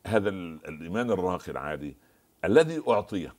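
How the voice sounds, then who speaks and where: A man's voice: low-pitched, big pitch swings, fast talker, a little mellow. A man as the scholar guest on a TV religious discussion, preaching and quoting scripture and stories.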